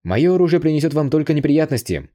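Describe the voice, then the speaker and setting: A level-headed young hero who speaks in a measured, courteous way, read by a male narrator close to his own voice. The tone is mellow and dark with lively pitch movement. Told as an audiobook. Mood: relieved. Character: calm, polite young male mercenary hero. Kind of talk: audiobook character voice.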